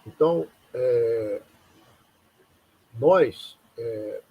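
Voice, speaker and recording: A man's voice: mid-range voice, drawn-out words, husky, muffled recording. A man from Rio de Janeiro giving an informal live lecture in a rambling, conversational way, often asking rhetorical questions. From Rio de Janeiro, Brazil. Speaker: lecturer hosting a live talk.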